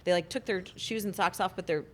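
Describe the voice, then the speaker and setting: A woman's voice: on the low side, fast, fairly bright tone, slight background noise. A woman co-hosting a podcast in casual chat, telling stories and laughing often. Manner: chatty, laughs often, storytelling. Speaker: podcast co-host.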